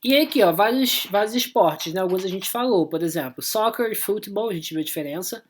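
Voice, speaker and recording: A woman with a Brazilian Portuguese accent, explaining an online English lesson in a chatty way and tagging her sentences with quick checks to the class. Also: mid-range voice, lively intonation, husky. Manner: chatty, explanatory, constant "né?" and "tá?" tags. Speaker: English teacher.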